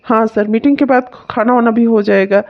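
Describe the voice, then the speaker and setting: A woman's voice: on the high side, brisk, muffled recording, close to an everyday voice. Woman voicing a rude cartoon son. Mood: fawning. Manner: mocking, complaining; obsequious on the phone. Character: rude grown son, dismissive to his wife. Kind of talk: cartoon comedy voice acting.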